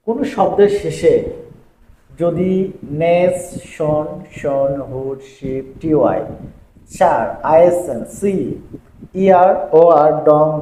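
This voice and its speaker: A man teaching English grammar in a video lesson, going through word lists in a steady, repetitive rhythm. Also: a little high. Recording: echoey room with faint ambient noise.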